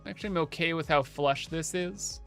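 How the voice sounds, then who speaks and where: A man's voice: fairly high pitch, brisk, vocal fry, fairly bright tone, soft background music. A young man livestreaming over a headset mic, thinking aloud in a casual, chatty way while he builds in a game.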